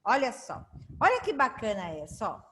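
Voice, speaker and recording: A woman teacher with a Brazilian Portuguese accent, giving a children's reading lesson with drawn-out syllables and frequent check-ins. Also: fairly high pitch, wildly swooping pitch, bright, forceful tone. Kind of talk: slow children's literacy lesson.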